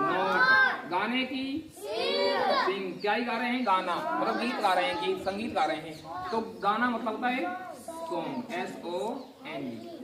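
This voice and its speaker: A teacher giving a grammar lesson, spelling words out letter by letter and asking the class questions. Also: medium pitch. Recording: echoey classroom from far off. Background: class of students answering.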